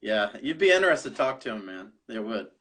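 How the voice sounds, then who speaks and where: A man hosting a podcast, chatting in a relaxed, friendly way and often tagging his sentences with "man". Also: fairly low pitch, brisk. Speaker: podcast host. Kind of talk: casual interview chat.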